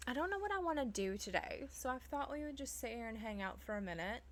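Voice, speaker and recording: A woman's voice: a little high, lively intonation, fast talker, a little hiss or hum. A woman streamer chatting casually with her viewers, chatty and self-deprecating, laughing often. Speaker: live streamer. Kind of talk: casual live-stream chat.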